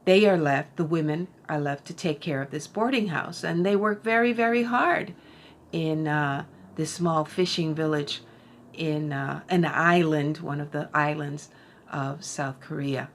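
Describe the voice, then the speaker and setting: Woman, middle-aged, low voice, slow casual book chat, many "uh"s. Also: a little hiss or hum. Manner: slow, thoughtful, with frequent fillers and restarts. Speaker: book vlogger.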